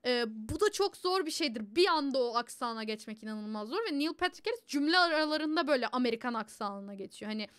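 A young woman hosting a casual group chat, animated and laughing often. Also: a little high, fast, few pauses, smooth. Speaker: host.

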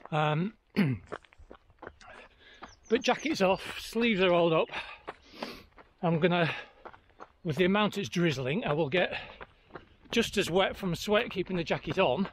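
A man's voice: high voice, lively intonation, measured pace, long pauses. A middle-aged man talking casually to camera while running outdoors, active and exerted, as he films a vlog. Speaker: running vlogger. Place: outdoors on open fell trail by a lake. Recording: clear outdoor background noise.

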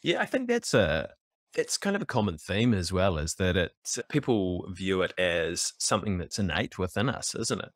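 A man in his thirties with a New Zealand accent hosts a podcast over a video call, asking questions in a matey, friendly manner during a casual interview chat. His low-pitched voice swings widely in pitch at normal speed, recorded studio quality with no room sound on a headset in an indoor room.

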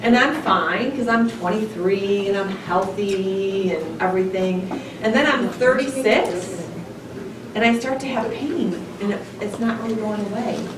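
A woman's voice: medium pitch, unhurried. A woman giving a conversational classroom lecture, often asking the class "right?". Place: large darkened lecture room. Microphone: distant camera in the audience. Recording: echoey room, voice from far off, noisy.

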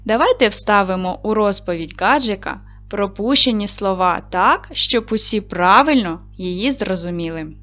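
A woman teaching a video lesson to second graders, speaking in a clear, patient and encouraging classroom manner. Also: mid-range voice, expressive, normal speed, hardly any pauses, a bit bright. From Ukraine. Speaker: primary school teacher.

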